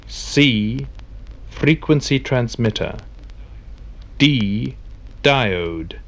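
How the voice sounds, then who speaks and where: A man giving formal, scripted narration, deliberate and measured. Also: mid-range voice.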